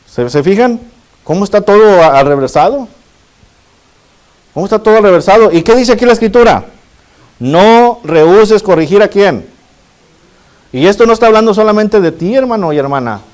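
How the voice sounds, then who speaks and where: A middle-aged pastor delivers a sermon in a fairly high voice. He keeps calling on his listeners as brothers and keeps asking them questions. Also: animated, normal speed, pauses often, a little mellow. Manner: addresses the congregation as brothers and asks rhetorical questions.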